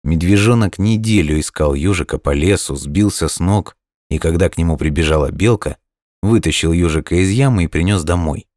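A man with a very low voice narrates a children's storybook at a calm, unhurried pace. The recording is dry and intimate. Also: no echo.

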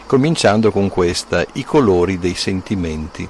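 A man, a radio host introducing segments in a measured way. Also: deep voice, animated, over music. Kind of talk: radio presenting.

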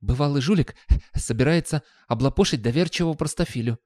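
A man's voice: on the high side, fast talker, mellow, no room sound, studio quality, pitched above the performer's own voice, natural voice. A man voicing a cynical scruffy male talking dog with a cool, sardonic tone.

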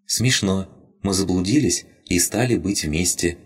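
A man's voice: sits low, a little slow, breathy edge, voice pushed up. A man voicing a tiny, frightened male creature that lives in a crystal, talking in broken, childlike short phrases.

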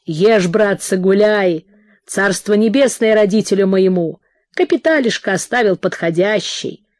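Woman reading a loud, boastful drunk merchant host. Dry, close. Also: medium pitch, unhurried, no room sound, lightly acted. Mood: rowdy. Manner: rowdy, boastful, shouting.

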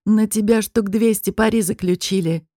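A woman voicing a sneering, smug male high demon nobleman in an audiobook, with a mocking, taunting drawl. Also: moderate pace, warm tone, dry recording, studio quality, natural voice. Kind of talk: audiobook character reading.

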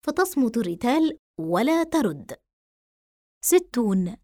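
A woman's voice: fairly high pitch, big pitch swings, slow pace, a little mellow, no echo, studio quality. Woman narrating an audiobook.

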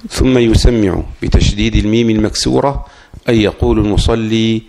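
A man reading a classical text aloud formally to his teacher, in a measured cadence. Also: lowish voice, steady tone, gravelly, a little mellow.

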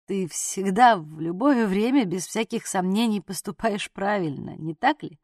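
A woman's voice: medium pitch, a little slow, a little mellow, no room sound, lightly acted. A woman reading an audiobook voices a wounded, stubborn young man who mutters through the pain and mocks dryly. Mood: gruff. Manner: strained, muttered, dry mocking.

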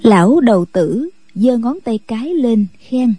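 A woman narrating a martial-arts novel as a radio story reading, in a steady, measured way with a husky voice. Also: a little high, no echo.

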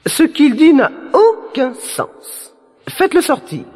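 A man voicing an impatient young princess in a storybook reading, shrill and theatrical. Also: wildly swooping pitch, slow, darkish tone, heavily acted. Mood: dismissive. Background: music bed.

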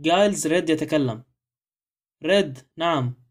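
A man voicing a flustered, eager young husband in a read-aloud novel, with quick, questioning delivery. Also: a little high, animated. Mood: agitated. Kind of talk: audiobook character reading.

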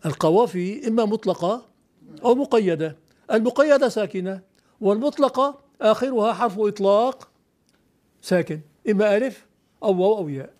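A male teacher giving a classroom lecture on classical poetry, questioning students and then explaining firmly, reciting verses slowly. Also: high-pitched, expressive, a little mellow.

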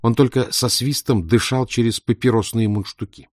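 A man's voice: mid-range voice, steady tone, moderate pace, no room sound, clean studio sound. A man narrating a children's story for an audiobook, reading it expressively.

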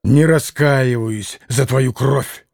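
A man's voice: mid-range voice, takes it slowly, creaky, darkish tone, no room sound, clean studio sound, voice pushed down. A man voicing a hot-tempered, violent young man who bursts out in heavy, gasping, vehement lines. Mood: grim defiance.

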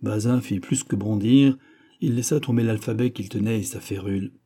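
A man reading a classic novel as an audiobook, in an even storytelling narration. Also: on the low side, moderate pace, slightly rough. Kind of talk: scripted narration.

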